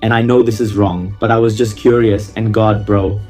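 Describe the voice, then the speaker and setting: A man's voice: lowish voice, flat delivery, moderate pace, dark tone. Man gleefully reading gossip over music. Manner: slangy, exclamatory, theatrical reactions. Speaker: YouTuber reading viewer confessions. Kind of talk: casual reading of gossip with running commentary.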